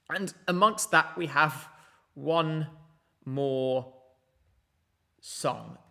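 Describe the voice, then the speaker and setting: A man's voice: a little high, very slow, vocal fry, pauses often, bright, forceful tone. A man hosting a casual live stream from home, chatting, laughing often and reading out viewer messages. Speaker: livestream host.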